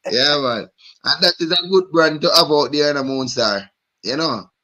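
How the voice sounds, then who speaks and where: A man's voice: a little high, expressive, takes it slowly, bright, forceful tone, slight background noise. A man hosting a live stream, chatting loosely and often repeating "you know what I mean". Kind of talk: casual chat.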